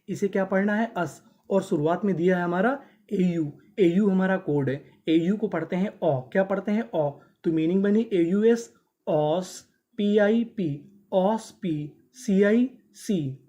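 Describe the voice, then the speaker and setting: A man teaching a class, spelling words out slowly syllable by syllable and repeating them, asking questions and answering them himself. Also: high voice, mellow. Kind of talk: classroom-style language lesson.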